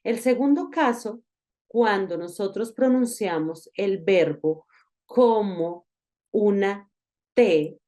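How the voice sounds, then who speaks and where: A woman giving a recorded online lesson, explaining patiently and repeating example words slowly. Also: lowish voice, mellow. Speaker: English teacher.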